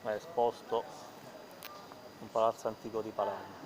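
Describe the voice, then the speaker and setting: A man's voice: on the low side, little pitch movement, moderate pace, poor audio. Man narrating amid street crowd. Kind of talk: brief casual narration of sights. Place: outdoors in a Palermo street market. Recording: busy outdoor crowd around the voice.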